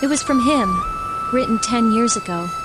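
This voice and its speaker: Woman acting a hurt teenage girl over loud music. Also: on the high side, animated, normal speed, close to an everyday voice. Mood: wounded, reflective. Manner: emotional, confiding. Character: hurt, earnest teenage schoolgirl who idolized her father. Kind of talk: dubbed video game drama acting.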